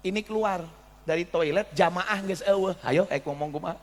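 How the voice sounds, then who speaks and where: A man preaching a sermon in an animated way, often throwing questions to the audience. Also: sits high, normal speed. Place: religious school gathering hall. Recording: echoey hall.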